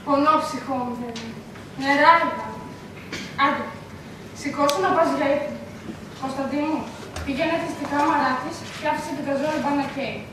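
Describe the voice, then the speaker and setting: A woman's voice: high-pitched, noisy background, natural voice. A woman acting an anxious, devout mother in a school stage play, lamenting and pleading, recorded from far off on an echoey stage. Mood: worried. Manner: fervent, prayerful, lamenting. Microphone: distant camera mic.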